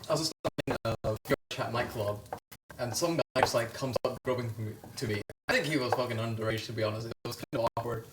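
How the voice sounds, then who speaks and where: A man livestreaming from home in a loose, chatty way, cursing freely and breaking into laughs. His voice sits at an ordinary middle pitch. The sound carries a noticeable room echo. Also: distant mic, noisy background. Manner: profane, laughs often. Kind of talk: casual livestream chat while cooking.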